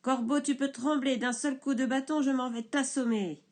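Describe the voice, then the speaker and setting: A woman voicing a big blustering male woodcutter in a storybook reading, shouting in indignant outbursts. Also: high-pitched, moderate pace, lightly acted. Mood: threatening.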